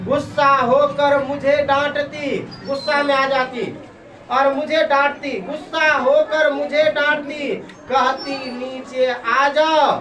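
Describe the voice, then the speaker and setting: A woman teacher explaining a poem to her class. She recites lines of verse, paraphrases them, and pauses so the pupils can finish her words. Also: high voice, flat delivery, a bit bright, slight background noise. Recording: echoey room, voice far from mic.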